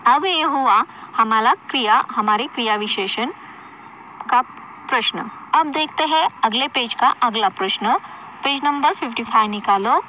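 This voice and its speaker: A woman teacher talks through a school lesson at an unhurried, deliberate pace, her voice sitting a little high. She repeats key words and turns them into questions for her pupils. The recording carries clear background noise, with vehicles passing now and then. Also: pushed and bright, poor audio.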